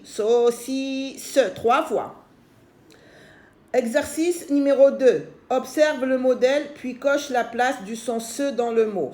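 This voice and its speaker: A French-accented woman walks young children through a phonics lesson, speaking slowly and sounding out each word and syllable with patience. Her voice sits a little high, and the recording carries a noticeable room echo. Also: a little mellow. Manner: slow, patient, repeats words and syllables. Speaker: teacher.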